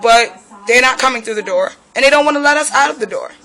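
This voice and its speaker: Agitated woman, high bright voice. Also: fast. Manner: agitated, argumentative, rhetorical questions; turns to address officers directly. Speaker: resident filming a police standoff. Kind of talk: live self-recorded protest commentary. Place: indoors in an apartment.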